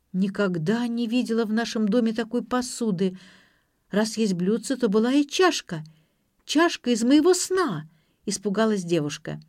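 A woman narrates an audiobook with even, wry storytelling, her voice at a middle pitch. The recording is close and dry, with no room around it. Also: no echo.

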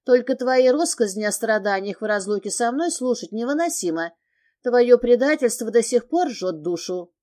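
A woman reading the part of a hurt young wife, speaking with indignant reproach and a slightly raised voice, in a mellow tone. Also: fairly high pitch, animated, normal speed, close to an everyday voice. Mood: bitter.

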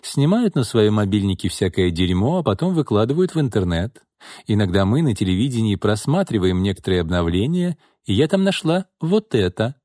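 A man's voice: lowish voice, big pitch swings, fairly quick, dark tone, dry recording, studio quality. A male narrator voicing a gossipy female TV reporter who speaks in a sweetly insinuating, conspiratorial way. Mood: sly.

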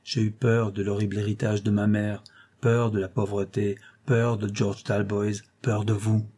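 A furious young noblewoman, voiced by a man, hisses her words through clenched teeth. Her voice runs loud and raised, with a husky, dark grain. She sounds cornered and bitter, like the figure of a storybook. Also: lowish voice, little pitch movement, measured pace.

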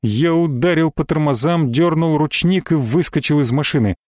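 A man's voice: fairly high pitch, moderate pace, darkish tone, no echo, clean studio sound. A man narrating a first-person romance audiobook in a terse, brash voice.

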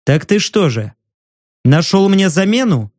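A man voicing a smug, menacing former dockworker in an audiobook, taunting slowly and slyly. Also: high voice, big pitch swings, darkish tone, no echo, clean studio sound, exaggerated voice. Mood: mocking. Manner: slow, taunting and sly. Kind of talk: audiobook narration.

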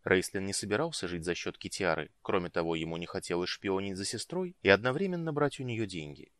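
Expressive male audiobook narrator. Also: deep voice, fairly quick, dry recording. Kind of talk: scripted narration.

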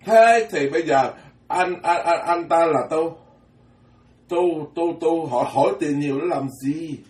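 A Buddhist monk gives a folksy, joking Dharma talk, stumbling over repeated words as he drives his points home. His voice sits a little high for a man. He is picked up from a distance, with a roomy echo around him. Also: measured pace, darkish tone. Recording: echoey hall from far off.

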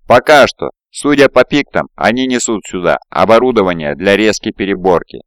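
A man's voice: on the low side, animated, moderate pace, clean tone, no echo, clean studio sound, close to an everyday voice. Man doing a panicky babbling technician. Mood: panicked.

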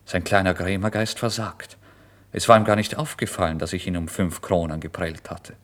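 A deep male voice at a moderate pace carries this dramatic first-person literary narration from a German radio play, where an actor voices a destitute, feverish young man confessing his story, tormented and exalted. The mood is tense and resolute, and his intense, brooding delivery swings between whispers and loud outbursts.

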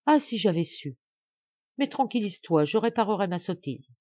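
A proud, calculating young noblewoman, voiced by a woman reading aloud, speaking with cool control that turns to soft coaxing. Her tone is dark and mellow, yet the melody rises and falls with animation. The sound is dry and somewhat dull, with no room around it. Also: mid-range voice, sing-song, moderate pace, no echo. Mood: reproachful. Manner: cold and controlled, then coaxing.

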